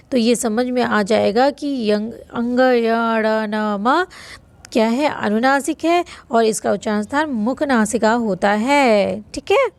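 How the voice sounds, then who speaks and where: A woman's voice: a little high, no room sound. A woman teaching a Sanskrit grammar lesson, patiently repeating rules and answering her own questions. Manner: stretches vowel sounds to demonstrate length. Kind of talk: online lesson explaining notes.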